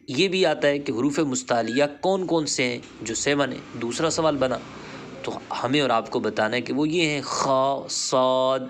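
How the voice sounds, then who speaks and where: A man's voice: a little high, slight background noise. A man teaching a Quran reading lesson, patiently spelling out letter sounds one by one and encouraging his student to repeat them. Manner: encouraging, praises the learner. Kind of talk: recorded online lesson.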